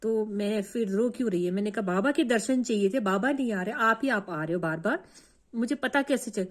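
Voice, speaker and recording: A woman's voice: mid-range voice, brisk. A woman telling her own devotional experience in an earnest, emotional way, often repeating herself. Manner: earnest, repetitive, emotional storytelling. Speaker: devotee sharing a personal experience. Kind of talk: emotional first-person testimony.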